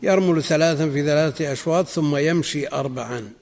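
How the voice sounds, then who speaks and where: A male scholar explains a religious text, slow and deliberate, and repeats phrases so they sink in. His voice is a little high and gravelly. The archival lecture recording carries a long, hall-like reverb. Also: a little mellow. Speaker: Islamic scholar teaching a text.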